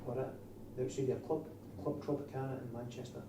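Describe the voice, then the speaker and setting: Quick-paced, mid-range and fairly even in intonation, a man from Scotland with a broad accent trains door supervisors, questioning his trainees during the class. A distant microphone picks him up in an echoey room, along with faint noise.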